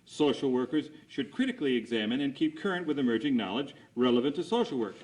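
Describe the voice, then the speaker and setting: A man's voice: mid-range voice, lively intonation, fast talker, a little mellow, poor audio. A man conducting a cross examination as an attorney, putting formal, methodical leading questions and seeking agreement after each statement.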